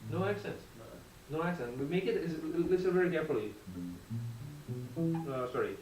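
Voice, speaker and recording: A man's voice: on the high side, animated, normal speed. A man teaching a guitar masterclass, encouraging his student and singing phrases to show the line. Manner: encouraging, sings phrases to demonstrate. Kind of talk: masterclass coaching. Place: convention room, heard from a distance. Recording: roomy, distant sound with guitar playing. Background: guitar playing.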